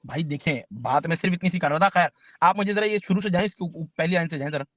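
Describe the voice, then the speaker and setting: A man whose first language is Urdu argues defensively as a caller in a live debate. His voice sits a little high, he often restarts his sentences, and the sound is dry. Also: dry recording. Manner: defensive, asks for calm, halting restarts.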